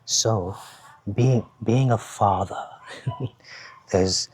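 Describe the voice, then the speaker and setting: A man giving a casual show-and-tell of sports jerseys at home, talking in an unhurried, halting way and repeating words. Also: on the low side, darkish tone, breathy edge, dry recording. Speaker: jersey reviewer. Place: home, with his baby nearby.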